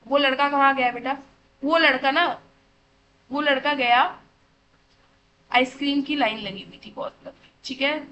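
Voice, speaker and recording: A woman's voice: sits high, a little slow, pauses often, noisy background. A woman teaching children, asking questions and answering them herself, addressing them fondly and checking they follow. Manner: calls listeners beta, keeps checking with "theek hai". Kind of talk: classroom lesson for children.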